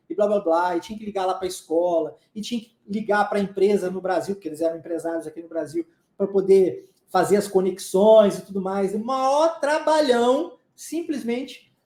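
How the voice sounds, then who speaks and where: A man's voice: sits high, darkish tone, reverberant. A man with a Southeastern Brazilian accent, teaching English pronunciation in a live class in a chatty way and checking in with his students often. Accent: Southeastern Brazilian Portuguese. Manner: chatty, checks in often with "tá?", coughs now and then. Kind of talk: live online class, casual explanation.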